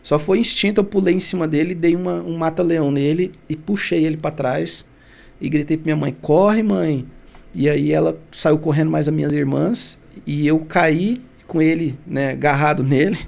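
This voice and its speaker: A man from Brazil recounts his own past as a podcast guest, his voice sitting a bit high with a gravelly edge. He tells the story with feeling, often breaking off and restarting, and he acts out the voices of the people he quotes. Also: steady tone, normal speed, a little mellow. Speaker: podcast guest, barbershop founder. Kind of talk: personal storytelling in an interview.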